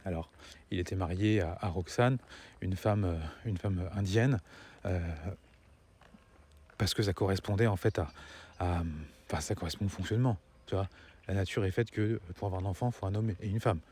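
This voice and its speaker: A man talks casually to his viewers while walking outside. His voice sits fairly low and has a husky grain. He delivers his opinions in a rambling, halting way, often stammering and swallowing his words. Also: fairly even intonation, a little mellow. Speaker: vlogger. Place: outdoors, walking, nearing a road.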